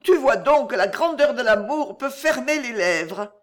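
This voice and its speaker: A reader doing a noble aristocratic husband, calm and solemn. The voice moves expressively in pitch while it stays gentle. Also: male voice, measured pace. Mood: tender. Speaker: count. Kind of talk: audiobook character reading.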